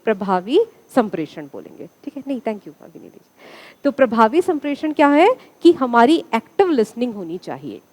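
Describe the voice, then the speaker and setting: A woman's voice: a little high, very animated, moderate pace, hardly any pauses, darkish tone. A woman teacher giving a classroom lecture, asking the students questions and answering them herself.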